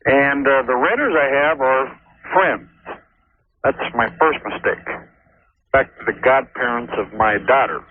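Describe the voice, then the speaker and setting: A man on a hollow phone line that sounds like he is talking from inside a barrel. His voice is husky and thin, squeezed through a tinny connection. He speaks easygoing and plain as a radio caller. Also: mid-range voice, a little slow, no echo. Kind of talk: casual call-in chat. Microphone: telephone.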